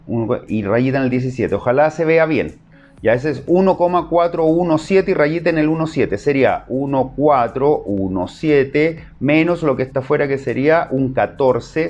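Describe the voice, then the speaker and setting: A man's voice: medium pitch, darkish tone, dull audio. A man with a Chilean accent teaching an online math class, explaining step by step and checking in with short questions.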